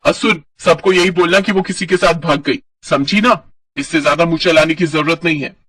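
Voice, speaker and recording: Scolding bossy sister-in-law, a man acting her, husky high voice, distant mic. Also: little pitch movement, a little fast. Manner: scolding, yelling. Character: harsh bossy elder sister-in-law, shrill.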